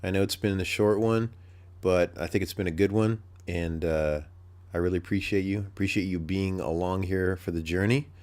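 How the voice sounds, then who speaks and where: Man, deep nasal voice, casual podcast host, reflective, wandering thoughts. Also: steady tone, moderate pace, a little mellow. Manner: rambling, reflective, thinks aloud. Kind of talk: casual solo talk.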